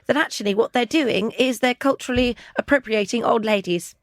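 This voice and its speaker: Woman hosting a spoof radio show, brash, talks over everyone, highish voice, dry studio. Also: fairly quick, dry recording. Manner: brash, mock-indignant, talks over guests. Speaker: host. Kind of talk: satirical radio show sketch.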